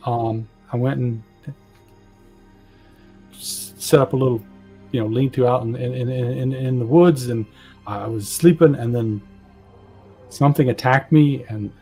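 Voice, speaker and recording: A man's voice: mid-range voice, unhurried, long pauses, dark tone, slightly rough, faint music behind. A man playing in a tabletop game, talking casually about his character's moves. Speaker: player. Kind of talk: tabletop role-play.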